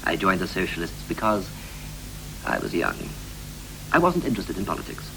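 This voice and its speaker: A male actor plays John, a restless husband wistfully recalling his youth and marriage, in a 1960s BBC radio play with poetic, stylised dialogue. His deep, gravelly voice is very animated at normal speed, delivered in clipped, rhythmic, theatrical phrases as a full character voice. The recording carries period hum and hiss.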